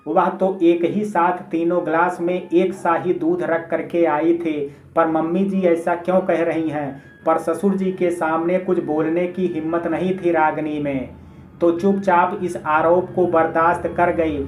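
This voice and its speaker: A man narrating a family drama story in a steady, plain storytelling voice. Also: fairly high pitch, measured pace, a little hiss or hum. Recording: echoey room, tinny phone-like sound.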